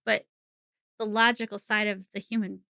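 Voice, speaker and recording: A woman's voice: medium pitch, level tone, moderate pace, vocal fry, bright, forceful tone, no room sound, clean studio sound. A middle-aged woman, a psychic medium, chatting as a podcast guest and laughing often as she explains. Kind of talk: casual interview conversation.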